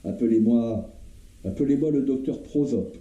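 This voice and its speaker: A man reading a calm, reassuring young doctor. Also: medium pitch, normal speed, close to an everyday voice. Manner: soothing, solemn, courteous. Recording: roomy, dull lo-fi recording.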